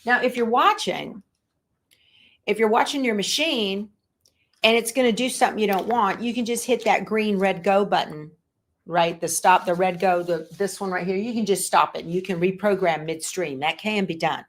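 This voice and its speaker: In her sewing room, a woman demonstrates machine embroidery to a live-stream audience, talking through her setup of the machine and chatting with those watching. Her voice sits at medium pitch and moves at an ordinary speed.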